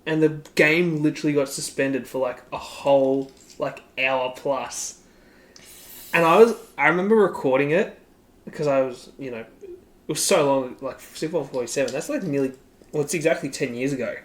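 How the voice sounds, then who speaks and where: A man's voice: a little high, moderate pace. An Australian man co-hosting a podcast, chatting casually about sports in a rambling way, laughing often and saying "like" a lot. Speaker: podcast co-host.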